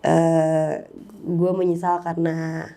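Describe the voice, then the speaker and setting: Interview guest: woman, mellow voice, candid and heartfelt storytelling. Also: sits low, little pitch movement, takes it slowly. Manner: candid, emotional, mixes in English words. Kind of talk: personal storytelling in casual chat.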